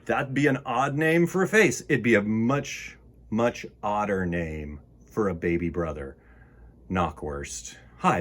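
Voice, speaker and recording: This storytime host has a medium-pitched, fairly bright male voice. He reads picture books to children and chats with them playfully, whimsically and at rambling length.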